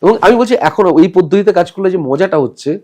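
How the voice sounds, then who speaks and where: A man's voice: sits high, fairly quick. A man, a theatre director as podcast guest, explaining his rehearsal methods animatedly and mixing in English terms. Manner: animated, acts out quoted dialogue. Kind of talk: podcast conversation.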